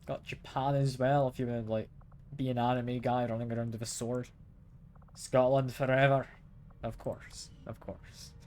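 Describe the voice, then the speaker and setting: A man hosting a live game stream, chatting casually with his viewers. He keeps asking them questions and chuckles often, his voice at an average, middle pitch. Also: level tone, moderate pace, a little mellow. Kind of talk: casual live gameplay chat.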